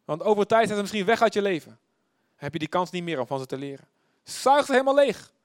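A man preaching a sermon as pastor. His delivery is emphatic and he repeats words for effect. He swings between loud bursts and hushed, drawn-out phrases. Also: sits high, expressive, no echo, clean studio sound.

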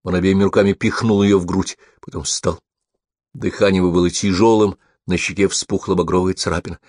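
A male narrator reading an audiobook in a steady, measured way. His voice sits very low, and the recording is dry and close with no room sound. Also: no echo.

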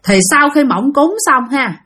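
A woman's voice: high-pitched, lively intonation, moderate pace, sharp tone. A woman with a Southern Vietnamese accent telling a spooky story in a chatty way, speaking directly to her listeners.

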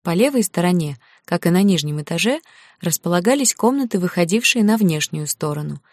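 A woman's voice: on the low side, lively intonation, fairly quick, no echo, clean studio sound. A woman narrating a fantasy novel as an audiobook, lightly voicing the girls' dialogue. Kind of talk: scripted narration.

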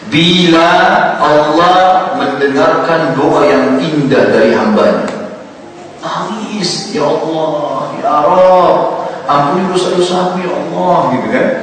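A man giving an Islamic sermon, lively, moving between hushed prayerful words and excited emphasis. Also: medium pitch. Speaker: Islamic preacher. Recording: very echoey hall, voice from far off, faint noise.

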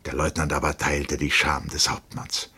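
A man reading a novel aloud for radio in a measured, dramatic way. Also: extremely low pitch, completely flat delivery, pushed and bright, slightly rough. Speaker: narrator.

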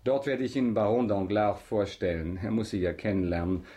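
An actor in a German radio drama playing a suave, courteous count with polished, measured, formal speech, quietly in control. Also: male voice, on the low side, steady tone, natural voice. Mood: smooth, courteous.

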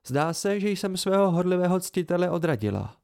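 Guy putting on a lilting teasing young woman, raised pitch, voice swinging all over, audiobook. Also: very animated, creaky, a little mellow, exaggerated voice. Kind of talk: amateur audiobook reading.

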